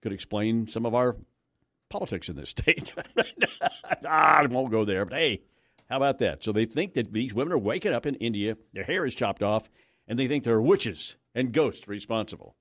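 Animated American man hosting morning radio news. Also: medium pitch, moderate pace, no echo, studio quality. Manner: wry, conversational asides. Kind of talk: radio news reading with casual banter.

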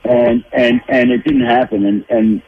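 Husky man analyzing football over a phone line. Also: medium pitch, steady tone, unhurried. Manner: thinking aloud with many restarts and repeated words. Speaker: NFL insider guest.

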